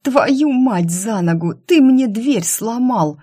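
A woman voicing a brash, sharp-tongued young woman heroine in an audiobook, snapping loudly and indignantly. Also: deep voice. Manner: loud, indignant, quick to snap. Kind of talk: audiobook character voice.

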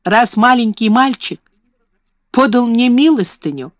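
A woman voicing a proud, hungry young schoolgirl who is usually restrained, read slowly on a dull recording. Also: fairly high pitch, animated, dry recording, voice pushed up. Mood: wry. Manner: restrained, then bitter. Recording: dull, slightly muffled recording.

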